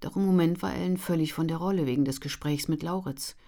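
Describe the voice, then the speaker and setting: A woman narrates a novel in a steady, measured way. Her voice sits low and stays calm throughout the narration. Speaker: audiobook narrator. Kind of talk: scripted narration.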